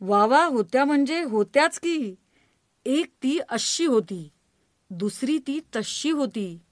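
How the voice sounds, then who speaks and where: Woman voicing a playful old grandfather, rhyming jokes, slow, dry close sound. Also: sits high, expressive, no echo. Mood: fond. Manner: jokey, rhyming banter.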